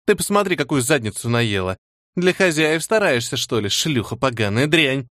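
A man's voice: medium pitch, sing-song, normal speed, a bit bright, no echo, clean studio sound. A man reading an audiobook and voicing a fierce, bitter teenage girl who swears harshly. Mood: scornful.

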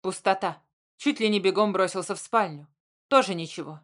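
Woman narrator, measured audiobook reading, mid-pitched. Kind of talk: scripted narration.

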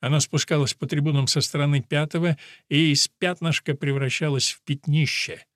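A man's voice: fairly high pitch, fairly even intonation, normal speed, a bit bright, no room sound, clean studio sound. A man narrating an audiobook in first person, telling it vividly and acting out other voices. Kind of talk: expressive audiobook reading.

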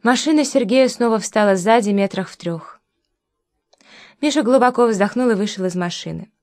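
A woman reads a novel aloud in an audiobook. Her voice sits at a middle pitch for a woman. She keeps a calm, even narrating manner. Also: moderate pace.

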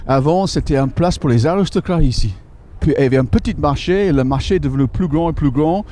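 Explaining sights on a guided walking tour through a city street, this local guide has a dark voice of fairly high pitch. His speech is halting, thick with fillers as he searches for French words.

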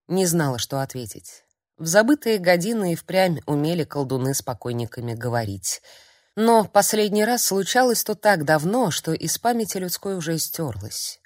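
A woman narrating a fantasy audiobook in an expressive storytelling manner. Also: sits low, dry recording, clean studio sound. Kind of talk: scripted narration.

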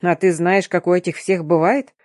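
A woman's voice: fairly low pitch, fairly even intonation, normal speed, a little mellow, no room sound, studio quality, lightly acted. A woman reading the lines of a stern, domineering and sly male curator in an audiobook, with a curt, commanding manner. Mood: stern, mocking. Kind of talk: audiobook narration.

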